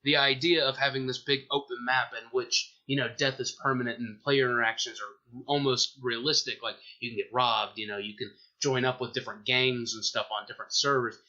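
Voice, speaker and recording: A man's voice: mid-range voice, fairly even intonation, a little fast, hardly any pauses, bright, forceful tone. Profane rambling young Southern guy. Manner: rambling, profane, restarts a lot. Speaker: podcast co-host. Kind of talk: casual chat. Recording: dull lo-fi podcast audio.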